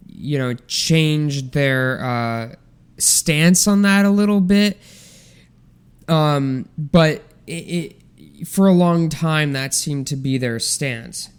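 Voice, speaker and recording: Relaxed and rambling, this young solo science podcast host fills his talk with ums and restarts. He has a smooth, mid-range voice, though it comes across nasal and congested as he chats casually.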